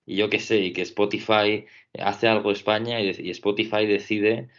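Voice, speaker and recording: A man's voice: on the low side, little pitch movement, moderate pace. A man from Spain, a podcaster, debating casually and thinking aloud with many fillers and tag questions. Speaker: podcaster and panelist. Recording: dull lo-fi audio.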